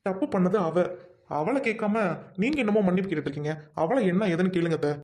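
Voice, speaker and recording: A woman's voice: on the low side, fast talker, heavy background noise, lightly acted. A woman voicing an indignant young husband who demands answers in a melodramatic serial scene. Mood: demanding. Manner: demanding, questioning.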